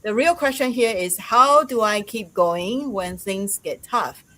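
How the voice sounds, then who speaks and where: A woman hosting a casual live-stream chat, laughing often and pausing on fillers. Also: medium pitch, animated, pushed and bright, low-quality recording. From Taiwan. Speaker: host.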